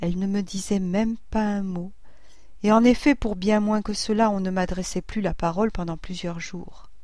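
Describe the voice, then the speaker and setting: A woman narrating a classic literary novel in a measured, unhurried reading. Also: mid-range voice, steady tone, mellow, no room sound. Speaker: audiobook reader.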